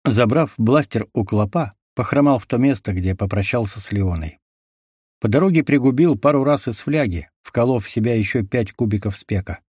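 Dry, steady male audiobook narrator. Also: mid-range voice, normal speed, slightly rough, no echo.

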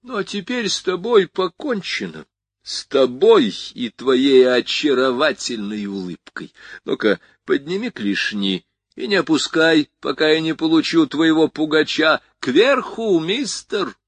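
A man's voice: fairly high pitch, sing-song, a little slow, breathy edge, no room sound, voice pushed up, full character voice. A man reading aloud, voicing a tough young gunwoman who mocks and threatens in gangster slang. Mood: threatening. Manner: taunting, mocking gangster slang.

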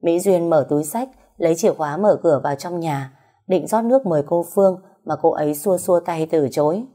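A woman narrating an audiobook story in a steady, even way. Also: fairly low pitch, brisk.

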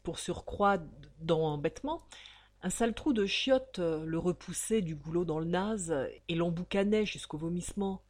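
A woman reading a novel aloud, giving each character's line a loud, raised voice. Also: a little slow. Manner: acts out the characters' lines loudly and with raised pitch. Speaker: reader of a novel. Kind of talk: expressive audiobook reading.

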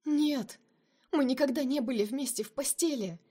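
A desperate young heroine pleads in a raised, emotional voice, pitched noticeably above the reader's own. A woman reader puts her on for an audiobook of a romance novel. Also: steady tone, moderate pace, darkish tone, slightly rough. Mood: pleading. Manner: pleading, emotional, breaking into cries.

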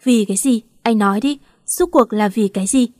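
A woman's voice: on the high side, brisk, a little mellow, no room sound, clean studio sound, natural voice. Woman reading as a heartsick young woman. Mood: anguished.

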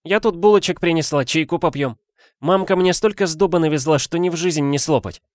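A man voicing a kind, warm-hearted young female student who talks eagerly and turns pleading and shaky in an audiobook. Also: on the high side, fairly quick, dry recording, clean studio sound, voice pushed up, lightly acted. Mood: cheerful.

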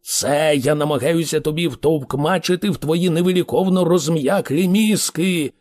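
A man reading an audiobook, voicing an excitable man who explains things insistently and with exasperation. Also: a little high, a little slow, gravelly, husky, big-room sound, full character voice. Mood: exasperated. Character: impatient, excitable alien man, Ford. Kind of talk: audiobook character voice.

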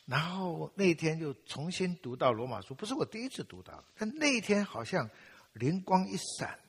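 A man's voice: on the high side, sing-song, normal speed, gravelly, breathy edge, in a large hall. An older man from Taiwan preaching, telling his own story with self-mocking humor and acting out his past prayers. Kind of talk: sermon with personal testimony.

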